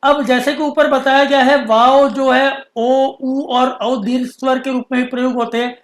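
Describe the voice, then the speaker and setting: A man teaching Urdu script, patiently explaining and stretching out letter sounds slowly. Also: extremely high pitch, level tone, roomy sound. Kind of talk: explaining a lesson.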